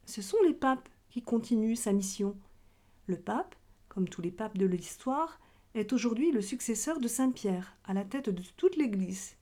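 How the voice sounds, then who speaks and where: Higher, mellow-voiced woman teaching children. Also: lively intonation, measured pace. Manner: simple, explanatory address to children. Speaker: catechism teacher. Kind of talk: children's religion lesson in question-and-answer dialogue.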